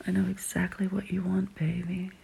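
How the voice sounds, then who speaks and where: A woman in an intimate ASMR role-play as a dominant, doting lover, breathy and coaxing, right in the listener's ear. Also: on the low side, level tone, slight background noise, low-quality recording. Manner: close soft-spoken, right in the listener's ear; slow, coaxing, sultry. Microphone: very close microphone.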